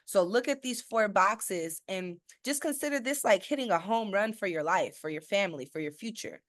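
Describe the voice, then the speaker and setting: A woman's voice: mid-range voice, lively intonation, normal speed, dry recording. Woman, financial educator, sales-style webinar, emphatic, rhetorical questions, dry close sound. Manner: checks in with listeners with a frequent "okay?".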